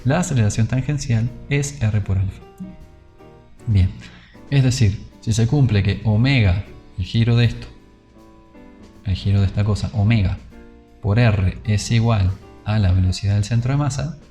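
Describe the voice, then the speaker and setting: A man's voice: lowish voice, moderate pace, warm tone, faint music behind. A young man giving an informal physics lesson, thinking aloud and checking in often with his students. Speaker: physics lecturer. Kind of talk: informal whiteboard lecture.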